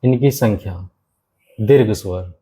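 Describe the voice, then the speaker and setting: A male grammar teacher runs an exam-prep lesson, slowly repeating key phrases so students can write them down and repeatedly addressing the class as "my friend." His voice is fairly low and dark in tone, and the recording quality is low.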